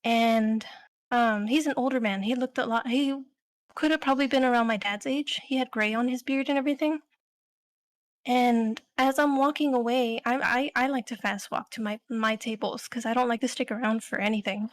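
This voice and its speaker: A woman's voice: on the high side, steady tone, moderate pace. A young adult woman co-hosting a podcast, telling a story in a rambling, casual way full of fillers. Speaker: podcast co-host.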